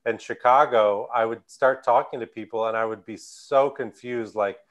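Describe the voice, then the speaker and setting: A man's voice: medium pitch, steady tone, normal speed. An American man from the Midwest speaking at a conference panel over a video call, hesitant, with many fillers and restarts. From United States Midwest. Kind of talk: conference talk answering questions.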